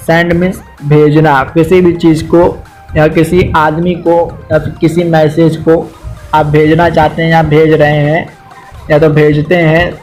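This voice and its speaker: Indian guy teaching vocab real slow, spells stuff out, higher voice. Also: darkish tone, rough recording. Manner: spells words letter by letter, repeats them slowly.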